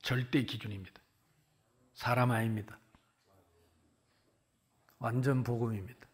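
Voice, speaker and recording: Here a man in his sixties, a pastor from Jeolla in South Korea, gives a sermon full of vivid storytelling that rises loud and falls to a hush. He speaks at a medium pitch and a measured pace.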